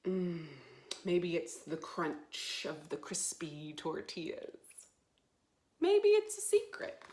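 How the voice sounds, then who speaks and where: A woman leads storytime for young children, guiding them and reading aloud in a playful, expressive, simple way. Her voice is on the low side, and the room is echoey.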